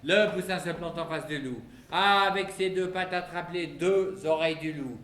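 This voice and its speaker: Bright-voiced man telling folk tales. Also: fairly high pitch, moderate pace. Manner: lively, playful, acts out voices. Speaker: storyteller. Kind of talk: live storytelling performance. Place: stage, live show. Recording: echoey live hall, faint noise.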